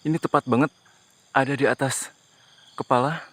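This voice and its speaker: A man hosting a ghost-hunting vlog outdoors at night, talking to viewers in a tense, hushed way as he explores. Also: mid-range voice, fairly even intonation, normal speed. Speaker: paranormal investigator host.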